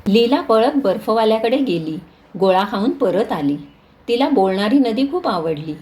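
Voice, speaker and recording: A woman reading a children's textbook lesson aloud in a clear, steady way. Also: on the high side, moderate pace. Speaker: reader of a school lesson.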